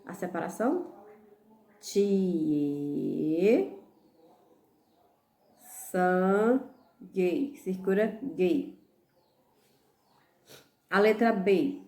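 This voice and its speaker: Slow, patient Brazilian teacher woman. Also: mid-range voice, a little mellow, echoey room. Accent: Brazilian Portuguese. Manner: slow, patient, spells out syllables and letters one by one; checks in often with "tá bom?" and "né?". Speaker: primary school teacher. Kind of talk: recorded lesson, correcting homework.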